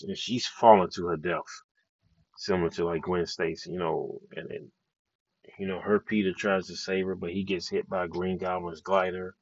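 A man giving a casual movie reaction, excitable and slangy, swearing a lot. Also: sits low, dry recording, muffled recording. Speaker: movie reviewer.

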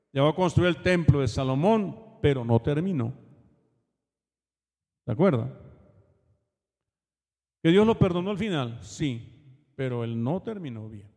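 A man's voice: a little high, darkish tone, in a large hall. A man preaching a sermon in a casual, conversational way, often checking in with his congregation. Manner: colloquial, asks the congregation "¿verdad?" often. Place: church hall.

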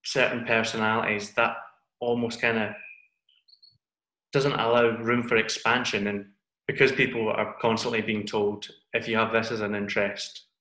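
Bright-toned Scottish man, echoey room. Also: fairly low pitch, level tone, normal speed. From Scotland. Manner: curious, long winding questions. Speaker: podcast host. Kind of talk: casual conversational interview.

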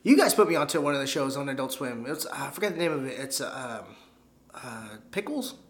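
A man's voice: medium pitch, sing-song, a little fast, a little hiss or hum. A man chatting casually and rambling about cartoons, with many fillers and a lot of swearing.

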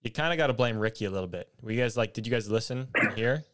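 A man's voice: fairly low pitch, rapid-fire, fairly bright tone, no echo, clean studio sound. A man hosting a casual podcast with bro-ish slang and some swearing. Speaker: podcast host.

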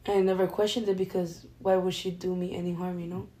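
Casting note: young woman, low mellow voice, soft-spoken and rambling, casual podcast co-host. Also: level tone, brisk, low-quality recording. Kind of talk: casual chat.

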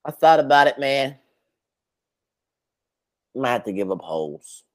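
A man's voice: mid-range voice, big pitch swings, a little slow. An American man in a casual podcast debate, reasoning aloud in colloquial speech.

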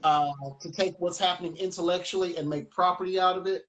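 A man's voice: high-pitched, brisk, rough recording. A man from the United States, a music teacher, telling stories in a casual, rambling interview chat. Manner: animated, rambling storyteller.

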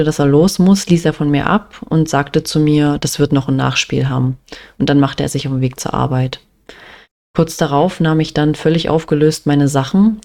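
A young adult vlogger from Germany tells a personal story at an ordinary pitch. The delivery is plain and matter-of-fact, with casual fillers running through it. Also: a little mellow.

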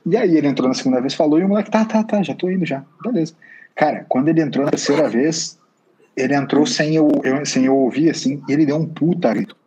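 A young man, co-hosting a casual podcast and telling a story in a slangy, animated way. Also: fairly high pitch, fast talker, husky, low-quality recording. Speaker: podcast co-host.

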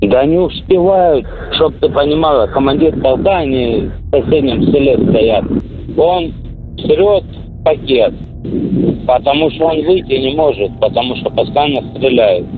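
A soldier at the front speaks bluntly, swearing, on a casual call home, heard through a radio intercept. His medium-pitched voice moves at a measured pace, and the tinny, phone-like line has music laid over it.

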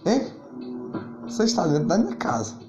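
A man voicing a stern, protective father who scolds quickly and indignantly, over guitar music. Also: sits high, very animated. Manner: rapid, indignant. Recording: roomy, dull, guitar music behind.

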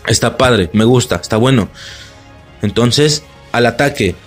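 Excitable, swearing Mexican man. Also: medium pitch, a little slow, soft background music. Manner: excitable, swears a lot, laughs often. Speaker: movie reaction vlogger. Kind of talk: excited casual film recap.

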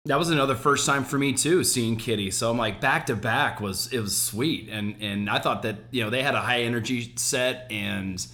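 Excited man telling a concert story. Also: mid-range voice, moderate pace, hardly any pauses. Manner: excited storytelling, frequent fillers. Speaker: podcast co-host. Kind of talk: casual chat.

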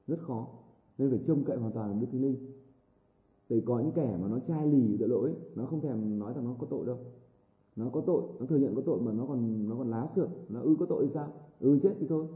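A man preaching a sermon with fervour, repeating phrases and calling out amen. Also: medium pitch. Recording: tinny lo-fi echoey room recording.

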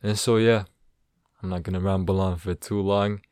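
A man's voice: low-pitched, steady tone, normal speed, darkish tone, no echo, clean studio sound. Laid-back eighteen-year-old guy. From Toronto, Canada. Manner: laid-back, slangy, rambling and self-aware. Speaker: podcast host. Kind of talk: casual solo podcast intro.

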